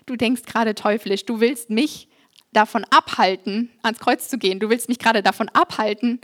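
A woman voicing Jesus as a patient, frank male teacher who speaks plainly and teases his pupils gently. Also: high-pitched, steady tone, moderate pace. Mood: firm. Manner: plain-spoken, fatherly, gently teasing.

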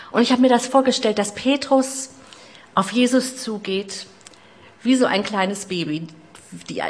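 Middle-aged woman preacher, mid-pitched voice, sermon delivery that swings from emphatic to hushed. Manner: storytelling, with personal asides and shifts between loud and hushed.

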